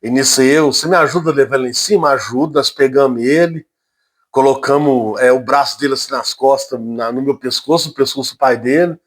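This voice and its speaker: A man with a Brazilian accent casually recounting a strange personal experience, halting and repeating his words, with frequent emphatic asides. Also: medium pitch. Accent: Brazilian Portuguese. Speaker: storyteller.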